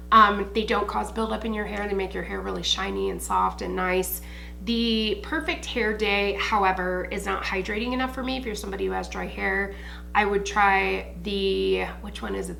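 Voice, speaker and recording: An American woman talks through beauty products in a chatty makeup-tutorial style. Her mid-pitched voice has plenty of vocal fry, and she is slangy and sweary. There is faint noise behind her. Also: bright, forceful tone, low-quality recording. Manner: informal, slangy, swears freely. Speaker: beauty vlogger.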